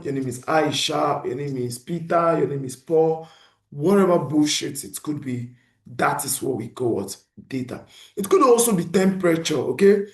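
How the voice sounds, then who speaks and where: In an echoey room, a man with a fairly high voice teaches beginners, lively and animated, often raising questions only to answer them himself as the instructor.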